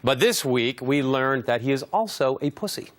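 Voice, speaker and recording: A man hosting a comedy clip show, delivering sarcastic jokes with a deadpan edge. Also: mid-range voice, moderate pace, noisy background. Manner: wisecracking, deadpan jokes, chuckles.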